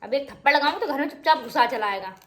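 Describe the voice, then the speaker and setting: A woman's voice: sits high, animated, fast talker, crowd noise. A young mother talking frankly in a casual home vlog, sometimes scolding her children, with faint kitchen sizzling behind her. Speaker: vlogger and mother. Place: home in northern India. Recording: faint background noise.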